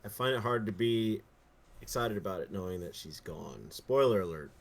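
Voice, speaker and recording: A man's voice: fairly low pitch, animated, normal speed, vocal fry. A man on a casual gaming podcast, making dry, wry remarks. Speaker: podcast co-host. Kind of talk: casual chat. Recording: faint background noise.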